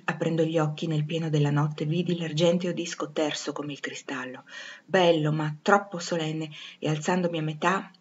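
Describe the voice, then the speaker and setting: A woman reading a classic novel aloud in a measured, expressive way. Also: on the low side, highs cut off. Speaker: audiobook reader. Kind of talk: literary audiobook narration.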